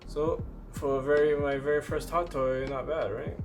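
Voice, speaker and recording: Speaking at a normal speed in a flat, somewhat high voice, this toy figure reviewer rambles casually through his thoughts. His offhand, informal commentary plays with music running underneath.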